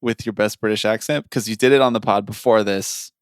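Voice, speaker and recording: A man's voice: lowish voice, fairly even intonation, fairly quick, no echo, clean studio sound. A man co-hosting a podcast in casual chat, joking, laughing often and trailing off mid-sentence. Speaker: podcast co-host.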